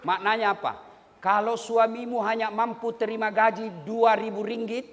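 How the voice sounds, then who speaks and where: High-voiced comic preacher in a hall. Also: male voice, normal speed. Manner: animated, bantering, swings from quiet asides to shouted punchlines. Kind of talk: comic sermon. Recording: hall reverb, faint background ambience.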